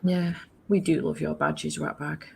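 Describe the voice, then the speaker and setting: A British woman with a low voice chats casually over faint background noise. She sounds poorly and run-down with a cold, and talks in a sweary, self-deprecating way. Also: steady tone, a little slow, gravelly, darkish tone. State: feeling ill and run-down, with a cold. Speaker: guest on a readathon livestream. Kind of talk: casual chat.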